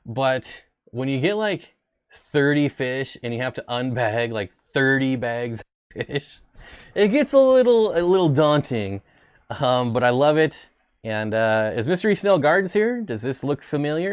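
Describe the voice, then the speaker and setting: A man's voice: medium pitch, normal speed, smooth, no room sound. A man hosting a casual fish-keeping stream, rambling with jokey, self-deprecating asides. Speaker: aquarium channel host. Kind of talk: casual livestream chat.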